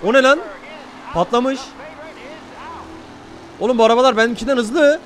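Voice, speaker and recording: High-voiced excitable male streamer. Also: normal speed. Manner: excitable, swears often, talks to chat. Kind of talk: live gameplay commentary.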